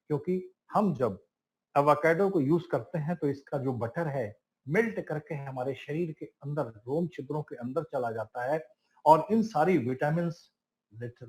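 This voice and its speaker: A man's voice: fairly high pitch, a little mellow, low-quality recording. A man giving a product training class, emphatic and listing items one by one, calling his listeners friends and asking them questions. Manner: emphatic, lists items one by one with rising stress.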